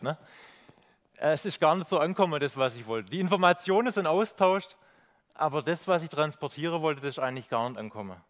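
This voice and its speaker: A man preaching a reflective sermon with slides, pausing on fillers and asking rhetorical questions. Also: on the high side.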